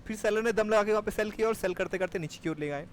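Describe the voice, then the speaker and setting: High-voiced male trading teacher. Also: rapid-fire, slight background noise. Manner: explains step by step, checks understanding with students. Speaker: stock market trading teacher. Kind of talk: live class explanation.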